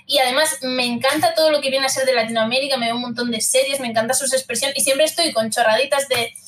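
Young Spanish woman, high pitch, chatty guest with a mixed regional accent, faint background noise. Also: fairly even intonation, quick pace, fairly bright tone. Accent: Spanish, mixed Madrid, Zaragoza and Andalusian traces. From Spain. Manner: chatty, laughs often, lots of fillers. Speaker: guest streamer. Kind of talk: casual chat.

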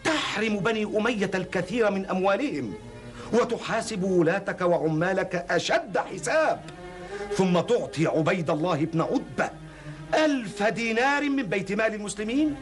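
A man's voice: mid-range voice, animated, brisk, music in the background, lightly acted. A middle-aged man playing an earnest, outspoken counsellor in a classical Arabic historical drama, speaking formally and with rhetorical emphasis. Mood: indignant. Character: earnest, outspoken male counsellor questioning his caliph.

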